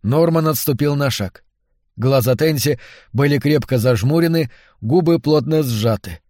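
A male audiobook narrator reading literary prose in a measured, even manner. His voice sits in an ordinary middle range. The recording is close and dry, with no room sound. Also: mid-range voice, dry recording.

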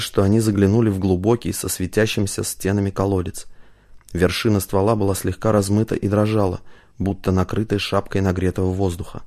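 A man narrating an audiobook in a steady, measured reading style. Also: fairly low pitch.

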